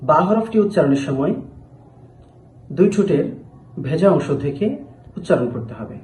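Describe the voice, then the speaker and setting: A man's voice: on the high side, lively intonation, normal speed, a little mellow, echoey room, a little hiss or hum, rough recording. A man giving a patient pronunciation lesson, drawing out each letter sound as he demonstrates it. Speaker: Arabic letter teacher.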